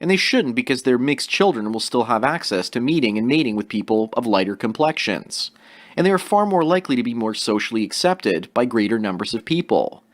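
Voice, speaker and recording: A man reading commentary narration in a measured, lecturing way. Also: medium pitch, sing-song.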